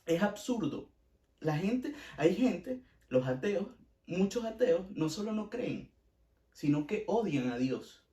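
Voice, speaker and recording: A man's voice: sits high, sing-song, slow, warm tone, distant mic. Blunt Venezuelan man, echoey room. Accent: Venezuelan Spanish. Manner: opinionated, blunt, repeats himself for emphasis. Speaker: podcast host. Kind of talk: casual opinion podcast chat.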